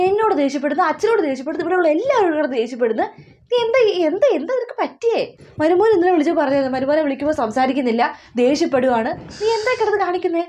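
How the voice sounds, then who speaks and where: A woman acting as a nagging middle-aged mother in a comic family skit, scolding with rapid questions. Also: very high-pitched, darkish tone. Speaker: mother of a new mother.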